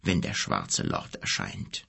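A man doing a grave old wizard, hushed and slow. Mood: ominous. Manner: slow, low and hushed, half-whispered at times. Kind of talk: audiobook character reading.

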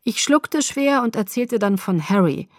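A woman narrating a novel in the first person as an audiobook, with steady storytelling. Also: a little high, a little slow, no echo, clean studio sound.

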